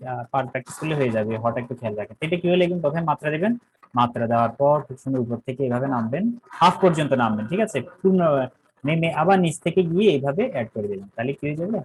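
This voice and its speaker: A man's voice: fairly high pitch, a little hiss or hum, poor audio. Man patiently teaching Sanskrit. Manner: patient, repeats points and checks understanding often. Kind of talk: online language lesson.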